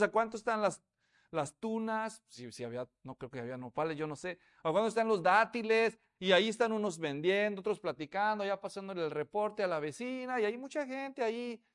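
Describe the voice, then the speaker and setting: A pastor preaching a sermon, telling the story with animation and acting out the voices of townspeople. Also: male voice, high-pitched, lively intonation, fairly quick, a bit bright.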